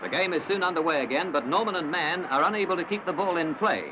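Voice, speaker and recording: A man giving brisk, formal sports commentary in an old newsreel, from Australia. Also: a little high. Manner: brisk, formal announcer delivery. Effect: old newsreel recording. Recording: dull lo-fi old film soundtrack with hiss.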